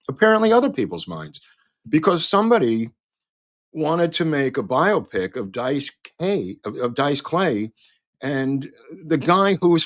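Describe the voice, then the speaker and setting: A man hosting a show, telling a long story in a rambling, halting way with many fillers and restarts as he talks to a live chat. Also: medium pitch, dry recording, studio quality. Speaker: podcast host.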